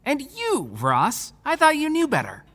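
A man's voice: very high-pitched, wildly swooping pitch, measured pace, sharp tone, big-room sound, heavily acted. A man playing a stern, exasperated, protective small-town sheriff in an audio drama, scolding and emphatic. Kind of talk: naturalistic audio drama acting.

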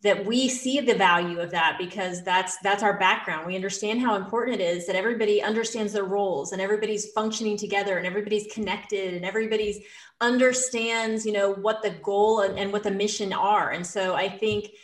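A woman's voice: medium pitch, steady tone, brisk, echoey room. A woman co-hosting a podcast, talking in a casual, conversational way. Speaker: podcast host.

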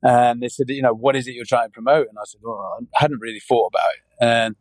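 A man's voice: mid-range voice, fairly even intonation, fast talker, no echo, rough recording. A British man in his forties, a guest chatting casually in an interview, rambling with many restarts and fillers. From United Kingdom. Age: 40s. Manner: rambling, many restarts, frequent "yeah" and "you know". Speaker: podcast guest.

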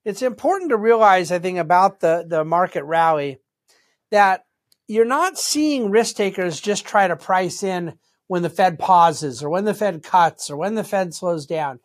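A man hosting an unscripted financial commentary, conversational, with deliberately stressed phrases. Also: high voice, animated. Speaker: host and market commentator.

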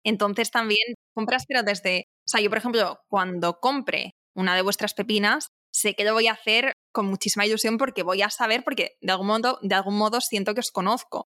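A woman with a crisp, bright voice interviews a guest. She sounds encouraging and affirming, and her voice is recorded dry and close. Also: medium pitch, a little fast, dry recording.

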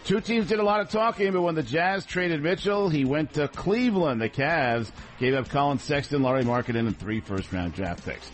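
A man's voice: on the high side, expressive, normal speed, few pauses, poor audio. A man delivering a scripted radio sports update as the anchor. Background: music.

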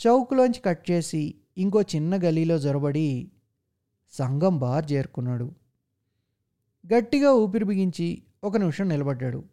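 A man reading a story aloud as narrator, in a measured, steady way. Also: a little high.

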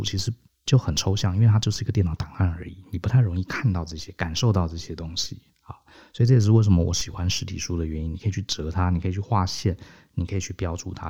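A podcast co-host with a low, dark voice talks fast, casually explaining his methods step by step and often tagging sentences with little checks like "hao." The podcast audio is dull and lo-fi.

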